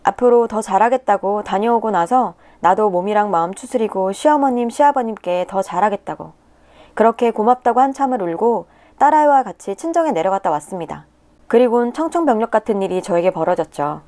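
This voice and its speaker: A woman reading a personal story aloud in the first person, with emotive, tearful delivery and pitch swings. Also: animated, fairly quick, darkish tone. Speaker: narrator of a viewer's submitted story. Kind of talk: scripted first-person narration.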